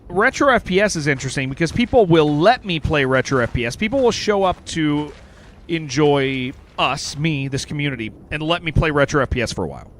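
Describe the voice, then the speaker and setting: A man chats casually to his audience while streaming a game, rambling along with plenty of fillers and a friendly "dude" here and there. His voice sits a little high for a man. A faint hum of noise runs under the recording. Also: fairly bright tone. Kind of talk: casual live-stream commentary while gaming.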